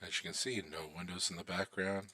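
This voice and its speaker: Man, low bright voice, relaxed screen-recording tutor thinking aloud. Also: a little fast. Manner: relaxed, thinking aloud while watching installs. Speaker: IT instructor.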